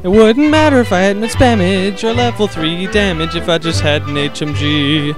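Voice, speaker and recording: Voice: medium pitch, moderate pace, over music, natural voice. A performer voicing a pleading, grumbling armored soldier in a comedic parody skit.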